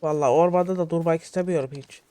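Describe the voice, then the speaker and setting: A young man giving excitable solo let's-play commentary, jittery and shouting at his in-game companions. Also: a little high, quick pace, clean tone, no room sound. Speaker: gaming YouTuber.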